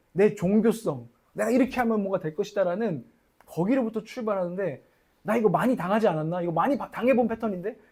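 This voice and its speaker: A man's voice: high voice, darkish tone. A young man preaching a sermon as a church pastor, candid and confessional, acting out his own inner voice.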